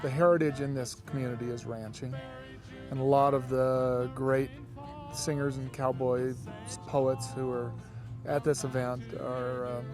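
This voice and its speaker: A man gives thoughtful interview talk as the organizer of an event. His voice is medium in pitch, and music is clearly heard behind it. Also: flat delivery, measured pace. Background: music under the voice.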